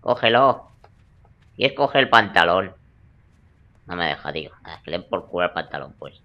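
A man's voice: sits low, expressive, moderate pace, muffled recording. A young man giving joking, crude gameplay commentary in a teasing, playful way. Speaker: let's play gamer.

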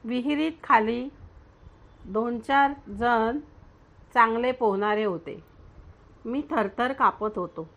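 A woman storyteller reading aloud slowly and gently, each phrase measured out. Her voice sits a little high for a woman, calm and even in its storybook narration.

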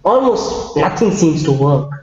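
A man's voice: fairly high pitch, big pitch swings, unhurried, a little mellow. A young man playing an impatient, complaining customer in a role-play. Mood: irritated. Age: young adult. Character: irate young male customer threatening to sue. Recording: very echoey hall-like room, dull, faint noise.

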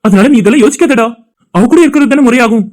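Actor voicing a reassuring young friend in a cartoon, fast and soothing. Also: mid-range voice, darkish tone, close to an everyday voice. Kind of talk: cartoon voice acting.

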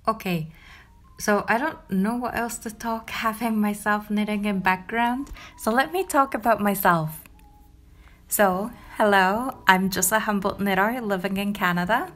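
A young woman from Japan with a Japanese accent, narrating her knitting vlog in a calm, gentle, chatty way; English is not her first language. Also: mid-range voice, a little slow. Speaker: knitting vlogger. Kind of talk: voice-over narration.

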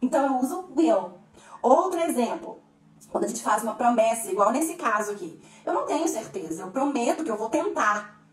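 A woman teaching English grammar to Portuguese speakers, lively, slowing down to spell out each English example. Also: fairly high pitch, recorded from a distance. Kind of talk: explaining grammar to camera. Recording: echoey room, a bit off-mic.

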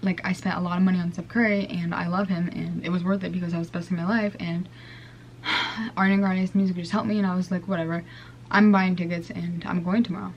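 A woman's voice: fairly low pitch, flat delivery, fast, lo-fi sound, slight background noise. A young woman from Minnesota casually telling a vlog story in her bedroom, full of "like" and self-mocking upset. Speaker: vlogger.

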